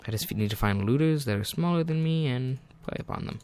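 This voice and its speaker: A man's voice: medium pitch, expressive, brisk, darkish tone, a little hiss or hum. A man giving rambling, self-deprecating let's-play commentary, often muttering asides to himself over faint game music. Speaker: gaming channel host.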